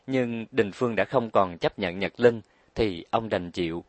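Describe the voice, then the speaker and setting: A man narrating an audiobook in a calm, steady reading voice. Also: lowish voice, a little slow, no room sound.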